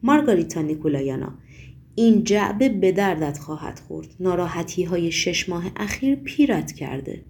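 A woman's voice: on the low side, sing-song, gravelly, darkish tone. Woman reading as a curt demon henchman. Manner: curt and impatient. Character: blunt, gruff demon henchman, male. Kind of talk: audiobook reading.

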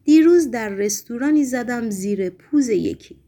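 A woman's voice: on the high side, animated, mellow. A woman reading aloud as a blunt, curious and sheepish young male poet in an audiobook.

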